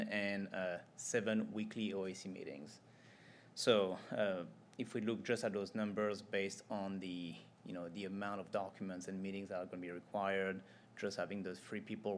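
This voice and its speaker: Low-voiced man presenting a consultant report. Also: a little hiss or hum. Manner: explanatory, measured, with fillers. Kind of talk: formal presentation at a public meeting.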